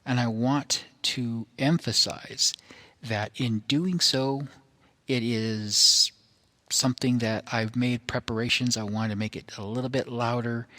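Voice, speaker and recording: A man presents a recording in an explanatory monologue, choosing his words carefully and haltingly in short, deliberate pieces. His voice is medium-pitched, bright, and forceful.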